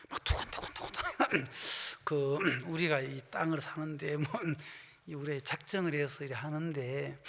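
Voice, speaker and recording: A male pastor preaching in a church sanctuary with a long, ringing reverb. His voice sits high and sounds bright and forceful. He tells the story by acting out both sides of each conversation, jumping from loud exclamations to near-whispers. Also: vocal fry. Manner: swings between loud bursts and hushed asides. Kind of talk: sermon with anecdote and quoted dialogue.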